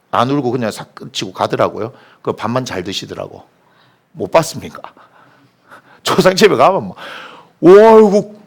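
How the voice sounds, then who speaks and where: Animated, high-voiced male preacher. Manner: animated storytelling with questions to the congregation. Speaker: pastor. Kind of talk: sermon. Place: church sanctuary.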